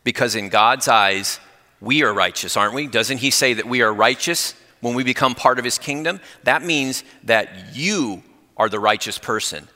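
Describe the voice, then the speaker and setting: A middle-aged man giving a conversational sermon with personal testimony, earnest and growing excited, speeding up when fired up. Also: medium pitch, moderate pace. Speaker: lay preacher. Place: church. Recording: long reverb in a church hall.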